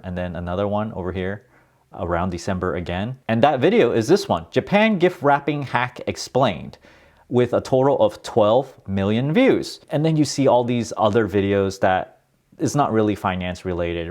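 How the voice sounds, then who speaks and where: A man hosting his own channel, chatting candidly and matter-of-factly about his earnings in a casual talk to camera. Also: lowish voice. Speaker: personal finance YouTuber.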